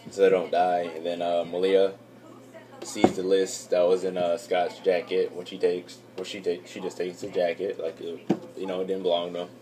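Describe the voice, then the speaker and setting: Low, flat-voiced young man rambling. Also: normal speed, crowd noise. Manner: rambling, filler-heavy, loses track. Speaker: YouTube reviewer. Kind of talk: casual episode recap.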